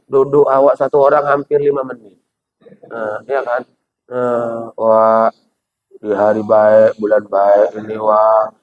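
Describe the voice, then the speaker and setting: A man preaching a humorous sermon with a Medan Indonesian accent, joking and acting out quoted voices. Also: mid-range voice. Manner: jokey, playful, acts out quoted voices. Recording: dull lo-fi recording.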